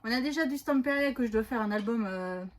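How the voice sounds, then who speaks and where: A woman's voice: on the high side, fast talker. A woman vlogger chatting casually from her home craft room, rambling and hesitating a lot as she shows off what she bought. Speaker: scrapbooking vlogger. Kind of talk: casual haul video chat.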